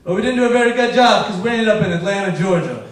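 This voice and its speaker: On a comedy club stage, a young Afghan stand-up with a high voice speaks very fast, deadpanning through stories and slipping into the voices of the people in them. The live mic catches him from afar in a very echoey room.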